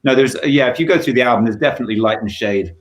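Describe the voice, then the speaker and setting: A man's voice: mid-range voice, racing, rough recording. A man being interviewed as a musician, talking in a reflective, thoughtful way over a video call, often restarting his sentences. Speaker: guest musician. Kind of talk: casual interview chat.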